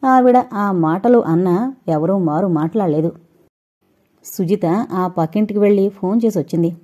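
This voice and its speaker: A woman narrating an audio novel in a steady storytelling read. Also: mid-range voice, normal speed, husky.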